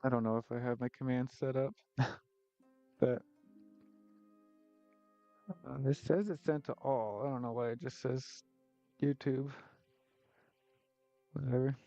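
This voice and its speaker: A man talks casually on his live stream as he paints, rambling and poking fun at himself. His mid-range voice is gravelly and dark in tone. The audio comes through a little muffled, with faint music playing underneath. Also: medium pitch, measured pace, long pauses. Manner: joking, self-deprecating, rambling with frequent laughs. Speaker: artist streamer.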